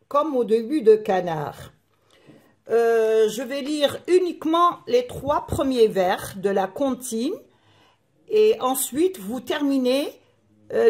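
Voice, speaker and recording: Slow, echoey, high-voiced woman teacher. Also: darkish tone. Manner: slow, spelling out letters and sounds. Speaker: primary school teacher. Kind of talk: recorded classroom lesson.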